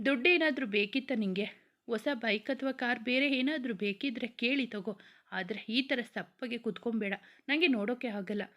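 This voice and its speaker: A woman's voice: on the high side, moderate pace, a bit bright, natural voice. A woman voicing a wealthy, indulgent mother who coaxes her moody son with concern. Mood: coaxing. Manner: coaxing, concerned. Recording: dull lo-fi recording.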